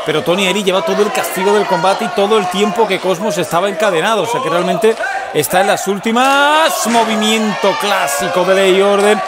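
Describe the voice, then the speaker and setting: A male wrestling commentator from Spain calls the action in a very high, straining shout. His Castilian delivery is emphatic and excited. A loud crowd and heavy noise surround him in the venue. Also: fairly quick. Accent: Spanish from Spain. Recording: noisy event hall with loud crowd.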